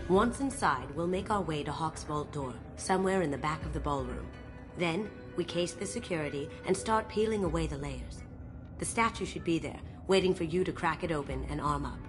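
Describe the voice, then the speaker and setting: A woman's voice: low voice, lightly acted. An actress voicing a playful female master thief in a video game, talking in a confident, conspiratorial way. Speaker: game companion.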